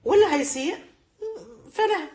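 A woman's voice: extremely high pitch, animated, moderate pace, darkish tone, reverberant. A woman with an Egyptian accent giving a religious lesson to women, emphatic and repeating key phrases to drive them home. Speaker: religious teacher.

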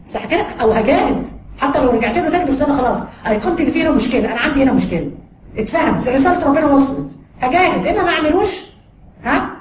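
A woman teaching a religious lesson in an Egyptian accent, lively and acting out the voices she quotes. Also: high-pitched. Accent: Egyptian Arabic. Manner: lively, acts out quoted voices, frequent light laughs. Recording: roomy with ambient noise.

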